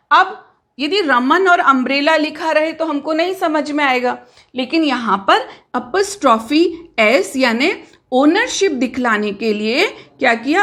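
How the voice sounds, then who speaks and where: Slow, high-voiced woman teaching grammar. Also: a bit bright. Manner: patient, asks questions and answers them herself; mixes Hindi with English terms. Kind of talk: classroom grammar lesson.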